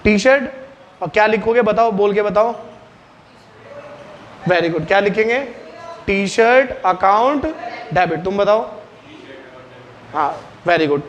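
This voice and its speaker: A man leads a classroom lesson, firing quick questions at his students and having them answer aloud. His voice is high and the sound is lo-fi.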